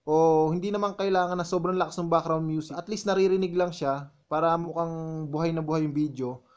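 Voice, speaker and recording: A man's voice: a little high, fairly even intonation, fairly quick, darkish tone. Chatty male vlogger talking viewers through edits. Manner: walks viewers step by step, often calling them "mga tol". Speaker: vlogger explaining his editing. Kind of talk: casual tutorial voice-over.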